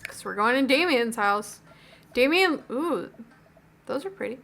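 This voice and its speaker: A woman's voice: high-pitched, expressive, unhurried, creaky, fairly bright tone. A woman hosting a video game playthrough, reading dialogue aloud expressively with playful asides and commentary. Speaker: video game let's-play host.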